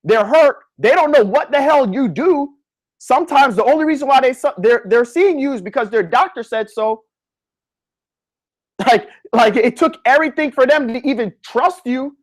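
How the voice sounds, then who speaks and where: A man who is a physical therapist, giving a live online lecture in a slangy, animated way, talking straight to his listeners. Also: extremely high pitch, moderate pace. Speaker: physical therapist coaching students.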